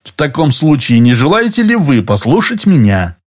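A man reading an audiobook, voicing a calm, persistent lawyer who speaks evenly and deliberately. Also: fairly high pitch. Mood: earnest. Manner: even, deliberate and insistent.

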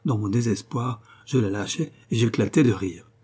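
A man reading a novel aloud in steady, measured narration. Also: on the low side, breathy edge. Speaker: audiobook reader. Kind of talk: scripted narration.

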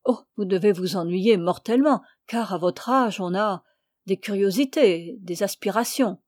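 A woman's voice: mid-range voice, normal speed, darkish tone, dry recording, studio quality, close to an everyday voice. A woman reading the part of a pushy, flirtatious middle-aged bourgeois lady, with insistent, probing questions, in a storybook reading.

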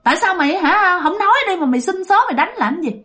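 Angry male ghost, high and loud, scolding, played by a woman storyteller. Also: very animated, brisk. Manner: scolding, barking repeated questions. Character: angry bullying male ghost, shouting and slapping.

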